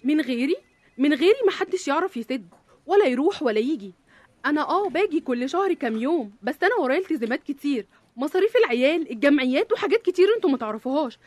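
A woman plays a defensive, self-important salary in an Egyptian comedy sketch. Her pitch swings widely, and she rattles through her complaints at speed. The sound is dry. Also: big pitch swings, racing, darkish tone, no room sound.

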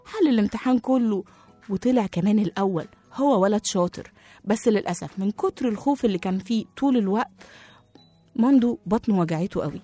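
Fast-talking Egyptian woman storyteller. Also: mid-range voice, dry recording, faint music behind. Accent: Egyptian Arabic. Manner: lively, addresses young listeners. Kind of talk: children's story narration.

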